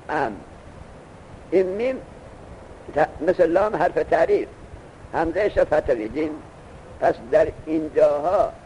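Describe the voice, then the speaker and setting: A man teaching a classroom grammar lesson, explaining slowly and quizzing his students with questions. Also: fairly high pitch, mellow, slight background noise, rough recording.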